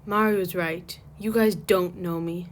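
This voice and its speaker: A woman's voice: fairly low pitch, fairly even intonation, slow, slight background noise. A woman reading an enraged possessed heroine. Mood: furious. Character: enraged possessed superheroine girl.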